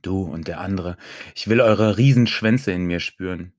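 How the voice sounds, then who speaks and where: A man's voice: sits low, moderate pace, darkish tone, dry recording, clean studio sound, lightly acted. A man voicing a breathless eager young wife.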